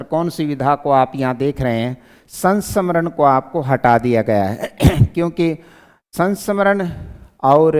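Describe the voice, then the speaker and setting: Guy teaching a syllabus lesson, asks himself questions n answers, smooth voice, lots of echo. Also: fairly high pitch. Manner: explanatory, repeats key points. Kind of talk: exam syllabus lecture. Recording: clear voice with long reverb.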